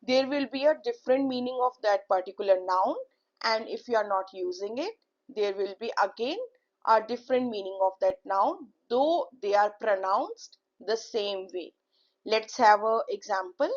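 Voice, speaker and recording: A woman's voice: mid-range voice, lively intonation, moderate pace. A woman teaching a beginner language lesson, repeating key words and checking in with "okay" often. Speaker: French teacher. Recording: dull lo-fi recording.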